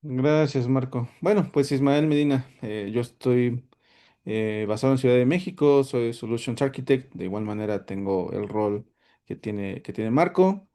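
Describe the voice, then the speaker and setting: A solutions architect hosts an online tech workshop, delivering a webinar presentation in a warm, mid-range voice at normal speed. He sounds hesitant, with plenty of fillers and restarts.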